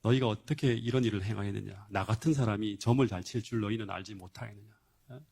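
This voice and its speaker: A man's voice: on the low side, quick pace, creaky, a little mellow, slightly rough, voice pushed down. A pastor voicing a stern governor questioning his brothers. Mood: accusing.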